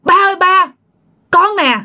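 A woman's voice: extremely high pitch, unhurried, bright, forceful tone, voice pushed up, heavily acted. A woman voicing the pleading spirit of an unborn baby boy, talking in a tearful, childlike way.

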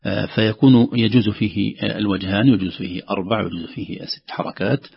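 On the radio, a man teaches tajweed, explaining Quran recitation step by step and drawing out sounds to demonstrate them. His fairly low voice is fast, fairly even in intonation, slightly rough and full of vocal fry. The radio audio is dull and lo-fi.

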